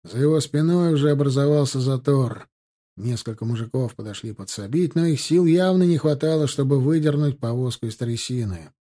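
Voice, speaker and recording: Mellow-voiced male audiobook narrator. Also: medium pitch, fairly quick. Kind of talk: scripted narration.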